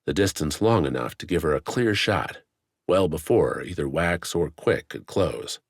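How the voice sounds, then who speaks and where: A man narrating a fantasy audiobook in a measured, dramatic storytelling manner, on a close studio mic. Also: a bass voice, expressive, creaky, breathy edge, no room sound. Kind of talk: scripted narration.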